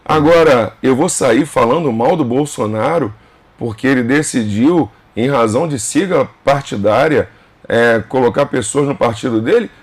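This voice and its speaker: A man's voice: mid-range voice, moderate pace. A man in his fifties, a governor being interviewed on a casual podcast, who speaks emphatically in short clauses and repeats phrases. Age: 50s.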